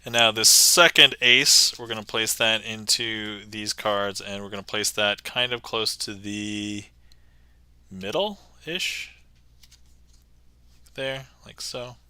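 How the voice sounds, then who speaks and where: Man, livestream magician, chatty, laughs a lot, very bright tone, dry close sound. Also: on the low side, takes it slowly, smooth, no echo, low-quality recording. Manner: chatty, laughs often, talks through card moves. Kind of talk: casual livestream magic patter.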